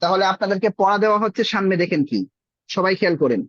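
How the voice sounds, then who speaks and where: A man's voice: high voice, fast talker, fairly bright tone, no echo, dull audio. A man teaching Arabic in an online class, explaining patiently with everyday examples. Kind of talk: online class over a group call.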